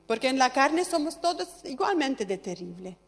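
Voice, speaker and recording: A middle-aged woman preaching a sermon, impassioned, swinging between loud, urgent appeals and quiet, hushed asides. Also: sits high, big pitch swings, moderate pace. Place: church sanctuary. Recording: reverberant hall with faint music.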